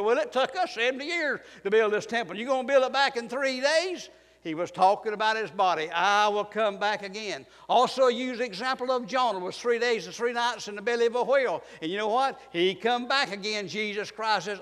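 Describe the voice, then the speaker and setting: A man preaching a fervent sermon in church, swinging between quiet and loud passages. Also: high voice, in a large hall. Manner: fervent preaching, rising and falling in volume. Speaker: pastor.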